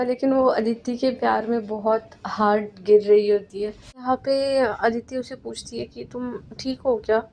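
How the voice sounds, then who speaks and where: A woman's voice: fairly high pitch, a little mellow. A woman narrating a romance story in a chatty, unscripted way. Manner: chatty, unscripted, drawn-out phrasing.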